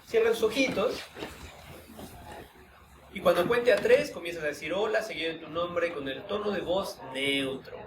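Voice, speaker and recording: A man leading a live workshop, walking listeners through a guided mindfulness exercise in gentle, unhurried instructions with pauses. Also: fairly high pitch. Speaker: workshop leader. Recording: roomy hall sound, distant mic, background noise.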